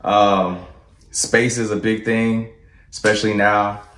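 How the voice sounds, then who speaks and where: A man's voice: lowish voice, little pitch movement, slow, a bit bright. A man giving casual, rambling reaction commentary as an online host, checking in with an informal "right?". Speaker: drill sergeant host reacting to videos. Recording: roomy echo, faint background noise.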